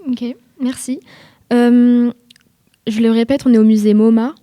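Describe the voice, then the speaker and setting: A woman's voice: fairly high pitch, steady tone, measured pace, mellow, natural voice. A woman playing a museum guide who hosts an interview in an improvised radio role-play, polite and hesitant.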